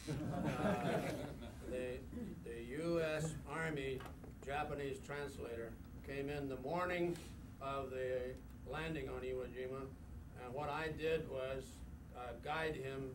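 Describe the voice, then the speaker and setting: Speaking slowly and steadily in a mid-range voice, an older guest speaker tells an emphatic, rambling war memoir at a club meeting room indoors, leaning on frequent fillers. A podium mic is present, yet the sound was caught by a camera across the room: distant, roomy and noisy camcorder audio.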